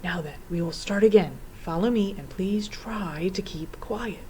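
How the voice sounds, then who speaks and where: A woman voicing a fussy, flustered old male professor in a storybook reading, with excitable old-fashioned exclamations. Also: mid-range voice, unhurried, slight background noise, close to an everyday voice, low-quality recording. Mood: hushed.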